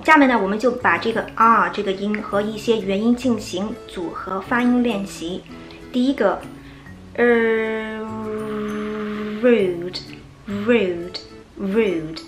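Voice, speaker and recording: A woman's voice: a little high, fairly bright tone. Woman, Chinese native speaker, pronunciation lesson, echoey room, faint music behind. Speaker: English pronunciation teacher.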